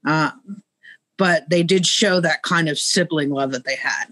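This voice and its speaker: A woman's voice: low voice, measured pace, pushed and bright, no room sound. A middle-aged woman guiding a museum, speaking on a video call in a knowledgeable way with frequent hesitations. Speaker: museum guide. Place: museum exhibit room, indoors. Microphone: video call, webcam.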